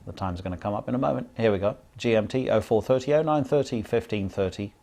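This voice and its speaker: A man's voice: on the low side, quick pace, creaky, mellow. A man presenting television news, introducing and closing a report as the programme's presenter.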